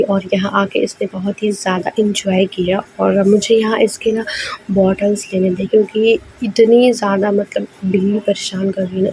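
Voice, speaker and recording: A young mother vlogging in an easy, conversational way, full of fillers. Her voice sits at an ordinary pitch and stays quite flat. A faint hum of ambience sits under her. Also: rough recording. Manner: chatty, conversational with many fillers. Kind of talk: casual vlog narration.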